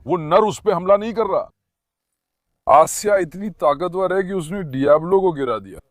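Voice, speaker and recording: Dog owner with a bright, dry voice. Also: male voice, high voice, measured pace, no echo. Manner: talks to viewers and calms his dogs in turns. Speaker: dog owner filming his dogs. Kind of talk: casual commentary to viewers.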